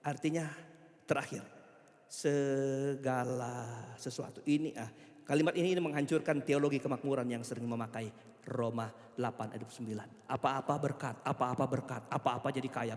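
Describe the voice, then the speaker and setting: A male pastor preaching a sermon, questioning the congregation and drawing answers back. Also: fairly high pitch. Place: church sanctuary. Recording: church hall reverb with soft music.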